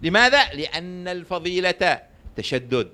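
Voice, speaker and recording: A man's voice: high-pitched, very animated, moderate pace, bright, forceful tone. A man giving a sermon, telling jokes and stories and constantly asking his listeners rhetorical questions to prompt their answers. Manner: storytelling with jokes. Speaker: religious lecturer.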